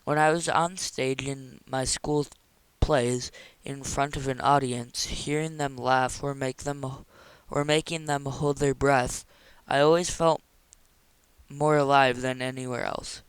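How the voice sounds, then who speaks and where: A man's voice: medium pitch, steady tone, slow, clean tone, dry recording. A man reading aloud voices a determined, earnest young woman insisting on her plans.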